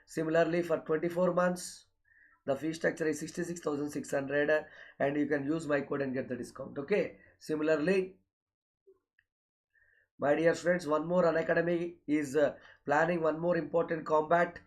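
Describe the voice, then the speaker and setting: Higher-pitched South Indian male teacher. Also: fairly even intonation, moderate pace. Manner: repetitive, often addresses students directly with filler okays. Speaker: online exam-coaching teacher. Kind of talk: lecture-style announcement of courses and schedules.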